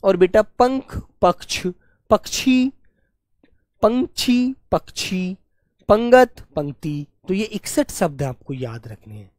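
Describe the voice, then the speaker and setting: A man teaching an online Hindi class, listing word pairs in a steady drill and calling his students "beta". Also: high voice, unhurried, few pauses, no room sound, clean studio sound. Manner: affectionate, calls students "beta"; clears throat now and then. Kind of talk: online exam-prep class.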